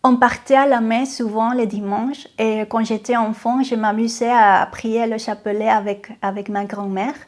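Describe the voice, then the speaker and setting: With a fairly high voice that barely moves in pitch, a Venezuelan woman offers a testimony to the camera. Her accent is Venezuelan Spanish. Faint music plays as she talks sincerely and slowly, stumbling and starting over often.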